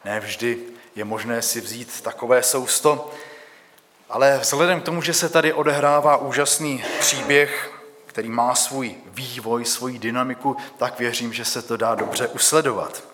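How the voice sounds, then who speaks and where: A man's voice: mid-range voice, fairly bright tone, slight background noise. Man preaching in a reverberant church. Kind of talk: scripture reading and sermon.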